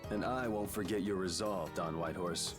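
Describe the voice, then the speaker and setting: A man's voice: deep voice, moderate pace, close to an everyday voice. A man playing a cool, resolute, sardonic young swordsman in a video game. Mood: grim resolve. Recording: game audio with music.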